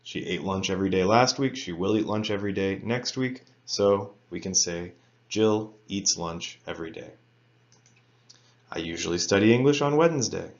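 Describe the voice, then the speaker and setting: A man teaching an English grammar lesson to students, reading example sentences slowly and carefully. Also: low voice, lo-fi sound. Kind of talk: recorded lecture for students.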